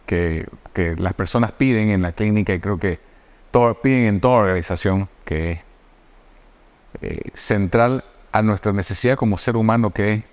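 A man hosting a podcast, thinking aloud in a hesitant way with many pauses and restarts. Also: fairly low pitch, a little mellow. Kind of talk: reflective conversational podcast. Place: indoor podcast studio.

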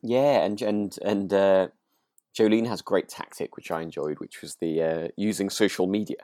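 As a podcast co-host, a man with a slightly low voice chats casually about a radio drama at a moderate pace. He is agreeable and hesitant, working through his thoughts in a relaxed way, and the recording is dry with no echo.

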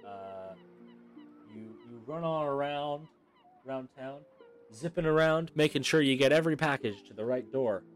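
A man narrating a tabletop game as game master, halting with frequent pauses. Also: medium pitch, faint music behind.

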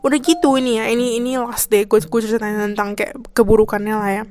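A woman's voice: on the high side, level tone, quick pace, a little mellow. Exasperated young woman ranting. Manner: slangy, exasperated, mimics coworkers. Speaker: podcast host. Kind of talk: casual storytelling rant.

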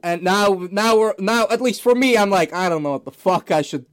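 A young man hosting a casual podcast with friends, talking in a halting, rambling way full of restarts and fillers. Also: sits high. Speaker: podcast host. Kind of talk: casual chat among friends.

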